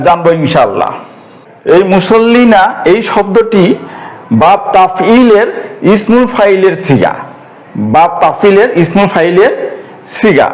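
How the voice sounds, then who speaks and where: A man giving a recorded lesson on Quranic Arabic grammar, speaking slowly and patiently, repeating terms and pausing on fillers. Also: high voice, rough recording.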